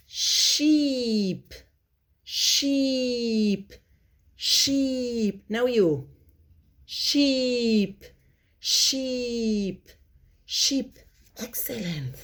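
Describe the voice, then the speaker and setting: Female children's lesson host, higher voice, singsong delivery, very slow pacing with lots of repetition. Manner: singsong, repeating words slowly for young children. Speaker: children's English teacher, host.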